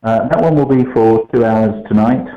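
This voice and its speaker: A man's voice: lowish voice, normal speed. A man calling in to a radio show over a poor, robotic-sounding headset line from a co-working space, explaining in an easygoing, meandering way. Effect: warbly, robotic-sounding call over a poor line, like a headset link. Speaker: regular tech contributor calling in. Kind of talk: casual radio phone interview. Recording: echoey, dull lo-fi call line.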